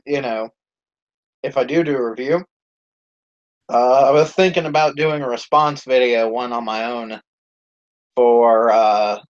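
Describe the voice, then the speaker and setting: A man hosting his own channel's live stream, chatting casually and rambling with lots of swearing and fillers. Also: medium pitch. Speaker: YouTube channel host. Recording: dull lo-fi stream audio.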